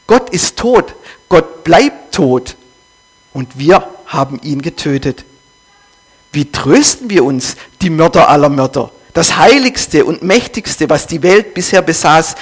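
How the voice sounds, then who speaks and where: A man's voice: on the high side, animated, a little slow, husky, full character voice. A man voicing a frantic madman who cries out over a lost god, in an intense run of rhetorical questions. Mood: anguished, declaiming.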